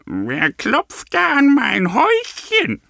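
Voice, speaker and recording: A man voicing a gruff, suspicious old grandmother in a high falsetto. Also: huge pitch swings, slow pace, sharp tone, exaggerated voice.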